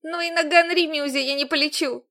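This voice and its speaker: Brief: woman reading a scared, defiant young heroine, audiobook, higher and urgent, tearful. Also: fairly even intonation, fairly quick, bright, forceful tone.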